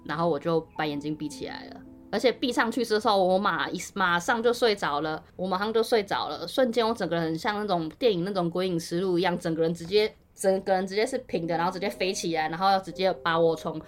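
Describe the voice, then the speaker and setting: Low-voiced woman telling a dream story. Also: fast, few pauses, faint music behind. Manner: chatty, rambling with many fillers and restarts. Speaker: podcast co-host. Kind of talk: casual first-person storytelling.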